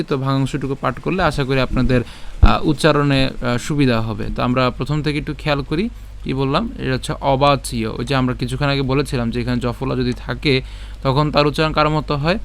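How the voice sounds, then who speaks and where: A man teaching a Sanskrit verse syllable by syllable. He asks questions and answers them himself, repeating each sound slowly. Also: medium pitch, fairly even intonation, smooth. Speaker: Gita recitation teacher. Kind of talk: slow syllable-by-syllable Sanskrit pronunciation lesson.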